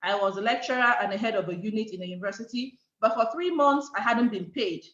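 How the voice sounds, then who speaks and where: A woman's voice: on the high side, fast. A middle-aged Nigerian woman with a Nigerian accent, telling her story as a guest speaker and acting out the dialogue. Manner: animated, acts out quoted dialogue. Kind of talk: storytelling talk. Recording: echoey, dull online call audio.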